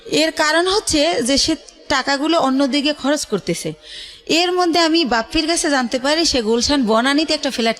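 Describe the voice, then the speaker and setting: As a radio interview guest, this middle-aged Bangladeshi woman shares her life story in a fairly high voice with a fairly bright tone. Her recollections of personal experiences come out in a halting way, broken by frequent pauses.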